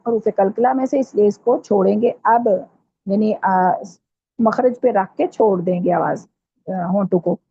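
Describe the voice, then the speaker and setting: A woman's voice: medium pitch, gravelly, breathy edge. Patient woman teaching over lo-fi audio. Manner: patient, explains step by step, slows right down to model sounds. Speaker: Quran recitation teacher. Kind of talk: online tajweed class. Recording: dull lo-fi audio.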